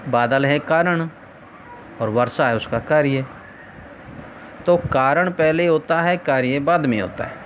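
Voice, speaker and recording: A man's voice: a little high, unhurried, pauses often, slight background noise. A man teaching a lesson, explaining things step by step and asking rhetorical questions along the way. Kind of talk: recorded lesson. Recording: dull lo-fi recording.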